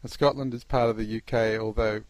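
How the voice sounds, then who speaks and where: A man's voice: lowish voice, fairly even intonation, fairly quick, dry recording, rough recording. A man hosting a casual interview, chatting informally and feeling his way hesitantly into his questions. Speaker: podcast host, interviewer.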